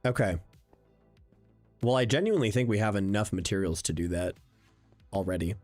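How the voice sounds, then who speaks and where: With faint music playing behind him, a young man chats through his block-building game stream in a lowish, slightly mellow voice at a moderate pace. He thinks out loud, uses plenty of fillers and responds to viewers while playing.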